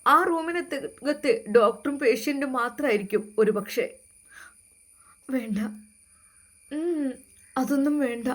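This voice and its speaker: A woman's voice: high voice, slow pace, pauses often. A woman voicing a young wife, tearful and defiant, refusing in raised, emphatic lines.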